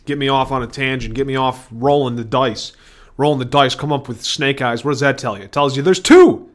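A man hosting his own broadcast in a rambling stream-of-consciousness monologue, repeating phrases and swinging between loud outbursts and low mumbling. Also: fairly even intonation, brisk. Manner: erratic, swings from shouting to mumbling; repetitive, free-associating, self-questioning. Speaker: solo broadcaster.

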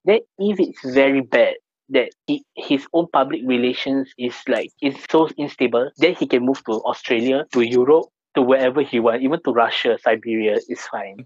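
A man's voice: mid-range voice, moderate pace, breathy edge, no echo, lo-fi sound. A man with a Singaporean accent chatting casually in Singlish as a podcast co-host, dropping in particles like lah and lor.

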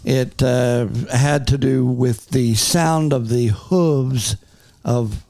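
Gravelly guy hosting a chat show, slow folksy drawl. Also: mid-range voice, fairly even intonation, darkish tone. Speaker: host. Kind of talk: casual talk show chat.

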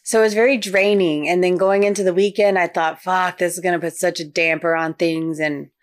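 A woman co-hosting a podcast in casual chat, relaxed and agreeable, often laughing along. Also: lowish voice, brisk. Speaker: podcast co-host.

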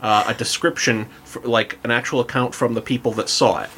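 Man, podcast host, casual chat, laid-back, self-mocking, middle pitch, faint background noise. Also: fairly even intonation, a little fast. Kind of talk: casual chat, reading aloud.

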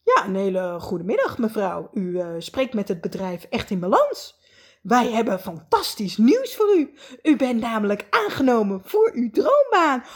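A woman's voice: a little high, huge pitch swings, moderate pace, darkish tone, breathy edge, full character voice. A woman voicing a polite, formal female caller phoning from a company with good news. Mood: formal, pleased. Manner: formal, courteous.

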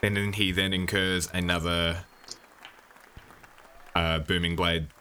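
A man's voice: low-pitched, little pitch movement, takes it slowly, pushed and bright, some chatter behind, slight background noise. A man playing in a tabletop game, dry and understated. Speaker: player. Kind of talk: tabletop role-play.

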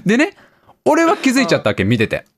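A man's voice: very high-pitched, wildly swooping pitch, fast talker, no echo, studio quality. A man in his thirties animatedly retelling a film on a casual radio talk show, acting out lines and laughing often. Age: 30s. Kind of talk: casual chat retelling a film with acted quotes.

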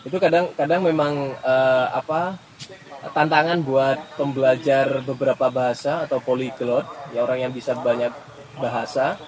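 A man's voice: mid-range voice, steady tone, normal speed, a little mellow. A man hosting a casual interview, attentive and summing up his guest's points for the audience. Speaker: host.

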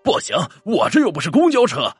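A man's voice: medium pitch, big pitch swings, brisk, sharp tone, breathy edge, no room sound, faint music behind, exaggerated voice. A man voicing a short-tempered middle-aged male ambulance driver, snapping back irritably. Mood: irritated.

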